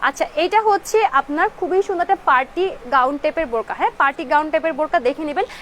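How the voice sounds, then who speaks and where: On a live clothing sales stream, a Bangladeshi woman sprinkles English words into her pitch and keeps repeating product codes and prices. She's fasting, so her throat sounds a little dry. Her high, expressive voice is slightly bright, with a faint hiss or hum in the background.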